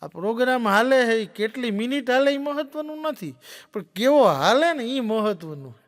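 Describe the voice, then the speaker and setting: A man's voice: very high voice, animated, moderate pace. A man doing stand-up, telling folksy joke stories and acting out the dialogue for a laughing audience. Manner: folksy storyteller, acts out dialogue. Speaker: stand-up comedian. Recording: long hall reverb.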